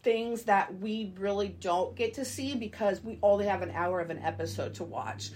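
A woman's voice: mid-range voice, normal speed, a little mellow, a little hiss or hum. A woman in her thirties co-hosting a podcast, chatting about a reality show in an eager, aside-filled way. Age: 30s. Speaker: podcast co-host. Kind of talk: casual TV recap chat.

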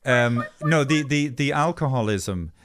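A man in his fifties, co-hosting a comedic chat, talks in halting restarts with sudden loud outbursts. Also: medium pitch, animated, noisy background. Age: 50s. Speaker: podcast co-host.

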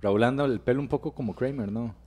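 A man's voice: medium pitch, quick pace, darkish tone. Slangy Costa Rican man bantering. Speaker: podcast co-host. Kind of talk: casual chat.

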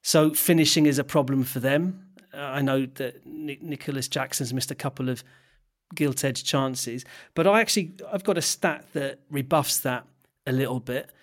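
A man co-hosts a casual football podcast at a moderate pace and medium pitch, chatting and laughing often, and he hesitates and restarts while reading out stats.

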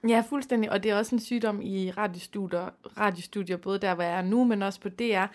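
A woman co-hosting a podcast, telling stories lively with acted-out quotes in a casual chat. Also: mid-range voice. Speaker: podcast co-host.

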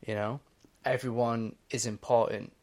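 A man's voice: medium pitch, fairly even intonation, moderate pace, a little mellow. A man co-hosting a podcast in casual chat, explaining his views at length with many "you know"s. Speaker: podcast co-host.

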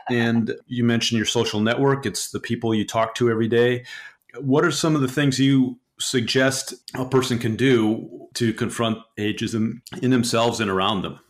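A man interviewing an author, halting and warm in his praise. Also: medium pitch. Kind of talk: interview questions.

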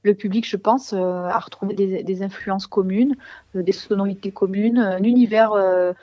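A woman musician talks casually in an interview, often pausing to search for the right word. Her voice sits at an average pitch. The sound is very dry and a little dull. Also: steady tone, no room sound. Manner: hesitant, searching for words.

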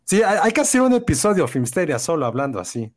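A man's voice: a little high, big pitch swings, fast talker, no echo, clean studio sound. Teasing man hosting. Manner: teasing, joking. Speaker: podcast host. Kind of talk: casual film podcast chat.

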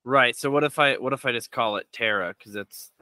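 A man's voice: mid-range voice, a little fast, sharp tone, dry recording. A young man playing a tabletop game, quizzical and often laughing. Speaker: player. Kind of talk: casual tabletop play.

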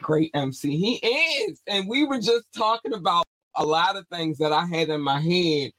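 A man's voice: high voice, normal speed, rough recording. A man hosting a casual interview, talking loosely with frequent laughs and swearing. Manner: excitable, swears freely, laughs often. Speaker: host.

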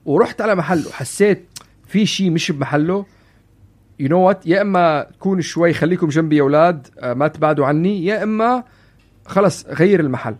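Male co-host for a parenting podcast: rapid, higher-pitched, animated storyteller who mixes in English. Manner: lively storyteller, drops in English phrases. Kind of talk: casual parenting chat.

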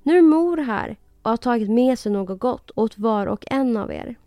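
A woman voicing a cunning male wolf in a storybook reading, loud and coaxing with false sweetness. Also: fairly high pitch, animated, no echo, clean studio sound, natural voice. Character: cunning big male wolf faking a mother.

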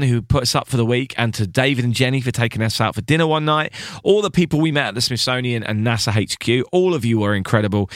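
A man's voice: medium pitch, fairly bright tone, dry recording, clean studio sound. A man co-hosting a podcast in casual chat, chatty and often restarting his sentences. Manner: chatty, self-correcting, laughs often. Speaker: podcast co-host.

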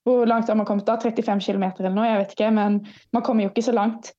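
A woman's voice: medium pitch, little pitch movement, mellow. A young woman guest telling stories in a casual interview, acting out her own past remarks, heard over a video call from a student room. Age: young adult. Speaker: guest ultrarunner. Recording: dull lo-fi video call audio.

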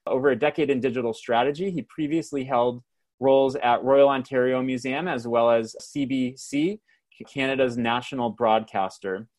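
A man's voice: medium pitch, steady tone, normal speed, a little mellow. Man hosting a video panel. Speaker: host and moderator. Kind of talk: scripted introductions and interview questions.

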